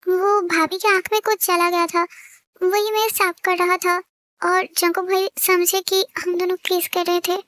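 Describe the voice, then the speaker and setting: A woman's voice: extremely high pitch, level tone, measured pace, fairly bright tone, no room sound. Woman doing an anxious young man.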